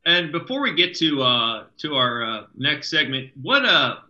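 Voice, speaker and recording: Bright-voiced male radio host, roomy sound. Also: fairly high pitch, big pitch swings, measured pace, highs cut off. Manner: chatty, with frequent fillers and restarts. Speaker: radio talk show host. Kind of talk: casual radio chat. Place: radio studio.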